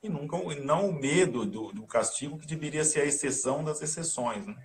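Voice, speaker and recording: A man's voice: a little high, expressive, brisk. A man speaking as a guest in a casual live chat, polite and careful in his wording. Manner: polite, apologetic when cutting in.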